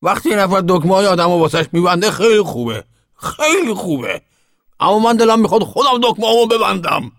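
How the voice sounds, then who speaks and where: A man's voice: fairly high pitch, sing-song, dry recording, studio quality. An actor playing a cantankerous, foul-mouthed, mischievous old grandfather in a radio drama. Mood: defiant. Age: older. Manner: grumbling, foul-mouthed, boastful.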